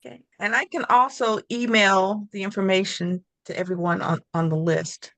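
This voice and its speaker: Businesslike female moderator with a gravelly edge. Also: mid-range voice, fairly even intonation, normal speed, fairly bright tone. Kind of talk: moderating webinar.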